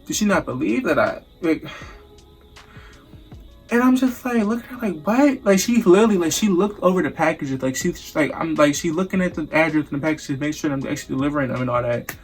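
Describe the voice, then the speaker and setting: A man's voice: fairly high pitch, expressive, fast, faint music behind. A young man from the United States telling a casual, profane storytime vlog, acting out the voices of the people he quotes. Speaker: vlogger.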